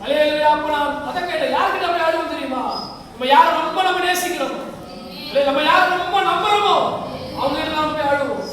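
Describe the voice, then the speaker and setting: A woman's voice: high voice, a little fast, crowd noise. A woman preacher giving a fervent sermon, often saying hallelujah and asking the congregation questions. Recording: echoey hall, voice far from the mic.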